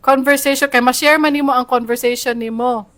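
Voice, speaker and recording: Animated Bisaya podcast woman. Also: high-pitched, fast talker, no room sound. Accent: Davao Bisaya. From Davao City, Philippines. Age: 30s. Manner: animated, reads out and explains. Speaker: podcast co-host. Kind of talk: casual livestream chat.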